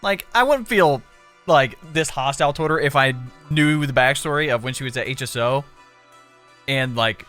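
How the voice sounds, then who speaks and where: Bright-voiced man giving gaming commentary. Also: medium pitch, moderate pace, clear, resonant tone, soft background music. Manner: loose, slangy. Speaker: gaming streamer. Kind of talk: casual playthrough commentary.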